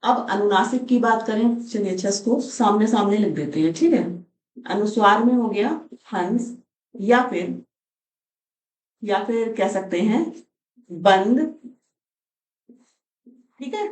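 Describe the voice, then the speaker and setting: A woman's voice: mid-range voice, takes it slowly, long pauses, darkish tone. A woman teaching Hindi pronunciation, patiently explaining each letter step by step. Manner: patient, explains step by step, often says "ठीक है". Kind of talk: blackboard lesson on pronunciation. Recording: echoey room, voice from a distance.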